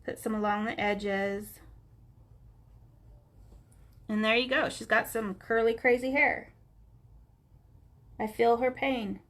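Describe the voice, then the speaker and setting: Speaking a little slowly with a fairly high, slightly bright voice and fairly even intonation, a live-stream craft instructor teaches coloring. A stuffy nose makes her sound nasal, and she chats casually with viewers by name.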